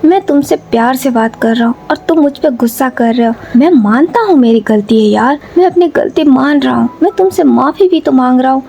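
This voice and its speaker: A woman's voice: high voice, fairly quick, creaky, hardly any pauses, mellow, a little hiss or hum. A woman voicing a stubborn, cheerful young man who coaxes and pleads. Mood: pleading. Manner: coaxing, pleading.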